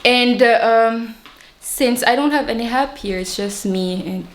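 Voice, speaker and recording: A woman's voice: on the high side, unhurried. A young woman with a Filipino accent, chatting casually and rambling, laughing often. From Philippines. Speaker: vlogger. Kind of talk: casual chat. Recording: echoey room, faint noise.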